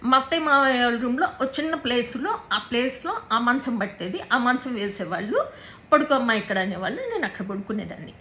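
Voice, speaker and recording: Bright-voiced woman recounting hardship haltingly. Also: on the high side, big pitch swings, slight background noise, poor audio. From Andhra Pradesh, India. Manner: halting, repeats words, mixes in English words. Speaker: interviewee. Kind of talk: personal account in an interview.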